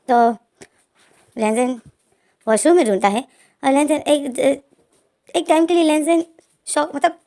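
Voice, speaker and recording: High-voiced woman narrating a story. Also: darkish tone. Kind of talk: retelling a fan-fiction story.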